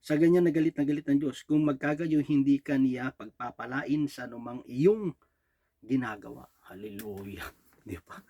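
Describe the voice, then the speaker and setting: A Filipino man delivers a Taglish sermon, often checking with the congregation through rhetorical "di ba?" and "no?" and chuckling between points. His mid-range, dark voice moves at a normal speed, captured in a dry, muffled recording.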